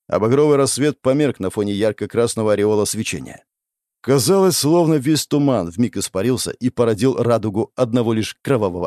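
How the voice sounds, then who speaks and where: Expressive male audiobook narrator. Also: medium pitch, dry recording, studio quality. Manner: expressive storytelling, voicing the characters. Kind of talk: dramatic fiction narration.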